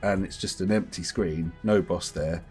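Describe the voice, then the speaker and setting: A man co-hosting a podcast, chatting casually about games, animated and laughing often as he talks. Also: low voice, moderate pace, soft background music. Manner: animated, laughs often, puts on voices to mimic others. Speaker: podcast co-host.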